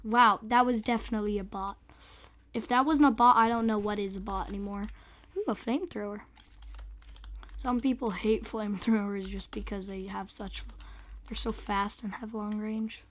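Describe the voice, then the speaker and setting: A young woman with a hoarse, squeaky voice that breaks into a whispery rasp, giving excitable, chatty, casual commentary on a game. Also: moderate pace. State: hoarse, losing voice. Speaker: gaming video host.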